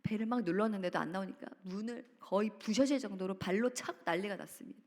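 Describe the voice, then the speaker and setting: A woman's voice: medium pitch, fast, a little mellow. A woman speaker at a church family seminar retells a story dramatically, acting out quotes with sudden leaps in her voice. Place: church retreat center hall. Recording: reverberant hall.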